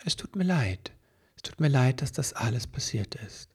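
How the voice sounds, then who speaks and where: A man voicing a clever, quick-tempered female elf inventor in a storybook, talking earnestly as she explains. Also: mid-range voice, sing-song, a little mellow, husky. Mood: apologetic.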